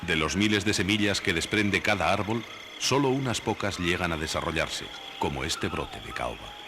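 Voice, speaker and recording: A man reading scripted nature documentary narration in a measured, didactic way. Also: deep voice, lively intonation, noisy background. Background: background music.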